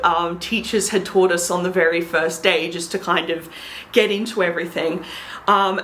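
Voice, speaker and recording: A woman's voice: medium pitch, a bit bright, a little hiss or hum, rough recording. A young woman vlogger telling a story to camera in a casual, rambling, earnest way, full of ums and likes.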